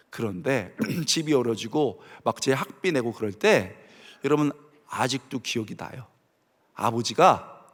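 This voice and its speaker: A man's voice: mid-range voice, in a large hall. A middle-aged man preaching a sermon as pastor, telling family stories with animation and acting out their voices.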